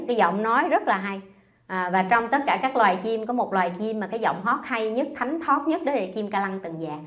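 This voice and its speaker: A Buddhist nun gives a dharma talk in a temple hall, teasing and scolding her listeners with humor and quizzing them. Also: a little high. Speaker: Buddhist nun teaching scripture.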